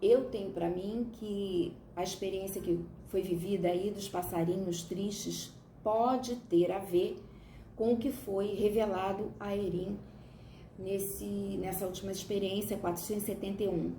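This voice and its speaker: Mulher brasileira de voz suave e escura, falando aos irmãos numa sala com eco e leve ruído. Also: female voice, mid-range voice, steady tone, dark tone. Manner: measured, reflective commentary to "irmãos". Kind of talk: addressing fellow believers. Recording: echoey room with faint noise.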